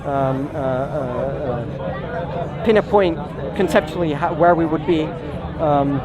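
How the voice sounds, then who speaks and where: A man in an informal philosophical discussion, halting and repeating phrases as he searches for words. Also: a little high. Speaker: participant in a street debate. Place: outdoors in a busy public park. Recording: outdoor street recording with crowd chatter. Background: crowd chatter.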